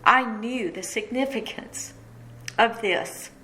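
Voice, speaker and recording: A woman's voice: a little high, slow, bright, forceful tone, a little hiss or hum, low-quality recording. A middle-aged woman, tearing up as she tells her listeners a personal story of pain and surrender in an emotional, heartfelt way. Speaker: radio host and speaker.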